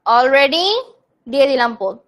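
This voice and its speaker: A young woman from Bangladesh hosts a live online English grammar class, her high, clear voice a little slow and a bit bright. She takes time to explain terms in Bengali and replies to students' comments, reading each one aloud as it comes in.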